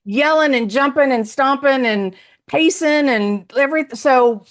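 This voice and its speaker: A woman with a Southern accent co-hosting a casual sports podcast, chatty and quick to laugh. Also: high voice. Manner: animated, laughs often. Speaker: podcast co-host. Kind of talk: casual chat.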